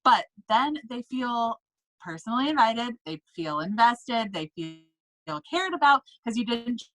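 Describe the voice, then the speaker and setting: Bright, upbeat woman coaching sellers. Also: fairly high pitch, sing-song, measured pace, low-quality recording. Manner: upbeat, emphatic, checks in with "okay?" and "right?". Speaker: direct sales team leader. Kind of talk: casual coaching talk.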